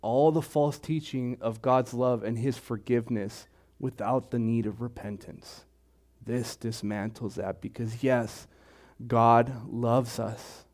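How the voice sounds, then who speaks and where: Male pastor, slow measured sermon delivery, repeats phrases, mid pitch. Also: fairly even intonation, darkish tone. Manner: slow, deliberate preaching with repetitions. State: throat clearing, choked up.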